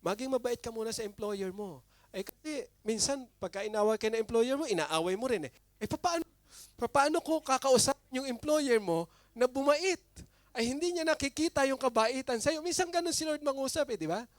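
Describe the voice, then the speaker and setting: Animated pastor preaching, dry close sound. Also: male voice, a little fast, no echo. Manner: animated, with big swings in pitch and loudness. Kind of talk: sermon.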